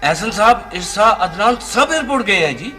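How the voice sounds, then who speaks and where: An actor playing a respectful household servant in a TV drama. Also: male voice, sits high, very animated, moderate pace, bright, forceful tone, soft background music, exaggerated voice. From Pakistan. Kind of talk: broadcast TV drama.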